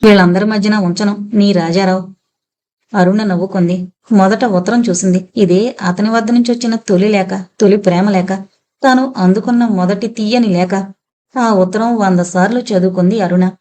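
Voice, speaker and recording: A woman reading an audio novel aloud in steady scripted narration. Her pace is even and unhurried. Her pitch sits at an ordinary middle height.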